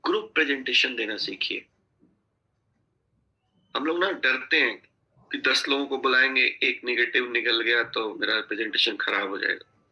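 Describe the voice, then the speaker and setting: A man's voice: mid-range voice, moderate pace, pauses often, sharp tone, dull audio. A man coaching a sales team on a video call, giving instructive advice and often checking that listeners follow. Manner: instructive, repeatedly checking in with "theek hai?".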